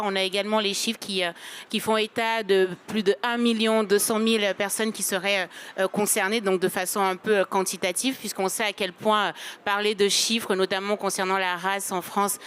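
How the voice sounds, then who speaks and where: A woman in her late thirties, who grew up in Cameroon, talks at a measured pace as a panel guest. Her voice sits at a middle pitch. She tells her story plainly, with some fillers. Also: fairly even intonation, a bit bright, clear, resonant tone. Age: late 30s. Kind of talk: personal testimony in a panel discussion.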